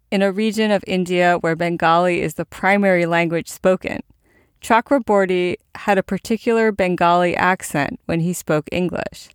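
A woman hosting a podcast, reading scripted narration in a calm, even, polished way. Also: fairly low pitch, smooth, dry recording, studio quality.

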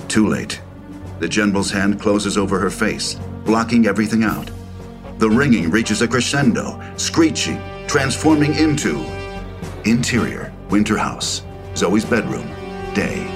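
Low-voiced man narrating a screenplay over music. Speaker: narrator reading stage directions.

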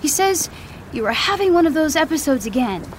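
A woman's voice: sits high, sing-song, brisk, slight background noise. A young woman playing a stubborn, caring daughter in an audio drama, earnest and a little cheeky. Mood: worried, earnest.

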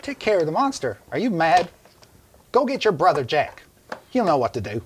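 A woman's voice: fairly low pitch, big pitch swings, moderate pace, noisy background, pitched above the performer's own voice. A man voicing a brash older village woman who shrieks and scolds. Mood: scolding.

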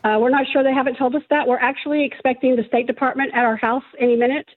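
A middle-aged woman talks quickly and earnestly, with a relieved tone. Her voice comes through a thin, phone-like line. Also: sits high, steady tone. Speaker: mother of a freed prisoner, guest. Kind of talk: remote news interview.

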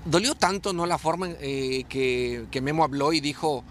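A man's voice: fairly high pitch, normal speed, slight background noise. A man, a former player, analysing football on a panel show, arguing emphatically and repeating phrases for stress. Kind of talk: sports panel discussion.

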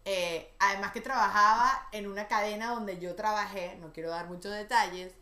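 Venezuelan woman host, lively gossip, bright tone, roomy echo. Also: mid-range voice. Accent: Venezuelan Spanish. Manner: animated, gossipy, quick to mimic others. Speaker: podcast host. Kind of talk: casual chat.

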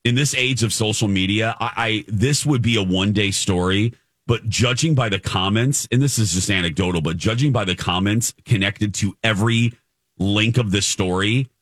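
A man's voice: fairly low pitch, normal speed, a bit bright, dry recording, clean studio sound. A man hosting a morning radio show, chatty and emphatic, repeating phrases for effect. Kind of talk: radio talk, chatty commentary and teases. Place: dry radio studio.

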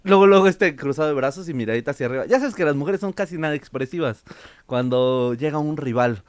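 A man's voice: on the high side, quick pace, darkish tone, clean tone, dry recording, clean studio sound. A man, a stand-up comedian guest in a casual chat, joking and laughing often.

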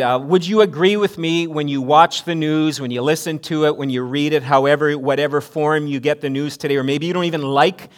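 A man preaching a sermon at a pulpit microphone in a church, earnest, often restarting phrases and building to emphatic preaching. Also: mid-range voice. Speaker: pastor. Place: church sanctuary.

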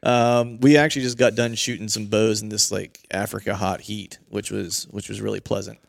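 A man's voice: fairly low pitch, little pitch movement, normal speed, creaky, no room sound, studio quality. A man hosting a podcast in a casual, jokey and rambling conversational style. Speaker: podcast host.

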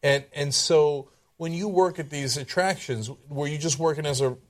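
A man's voice: on the high side, moderate pace. A man hosting a casual interview, curious and joking, with short backchannel replies. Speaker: interviewer, host.

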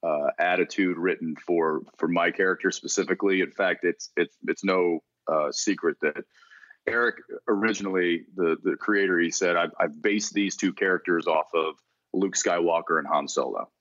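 A man from Texas, an actor being interviewed, talking in a relaxed, rambling way with frequent restarts. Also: low-pitched, moderate pace, no room sound, muffled recording. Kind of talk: casual interview conversation.

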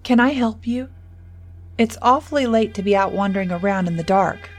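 Woman reading a worried farm mother, soothing tone, husky. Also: mid-range voice, lively intonation, measured pace, a little mellow, faint music behind. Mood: wary. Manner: soothing, reassuring.

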